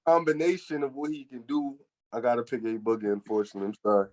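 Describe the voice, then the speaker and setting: A man's voice: medium pitch, steady tone, fast talker, poor audio. A man from New Jersey chatting casually as a podcast guest, with slangy, profane wording. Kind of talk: casual chat.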